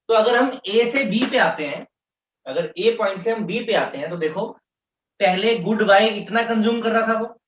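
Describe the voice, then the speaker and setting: A man teaching economics, explaining step by step and slowly repeating key terms. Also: high-pitched, a bit bright. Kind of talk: classroom lecture mixing Hindi and English. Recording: echoey room, distant mic, dull sound.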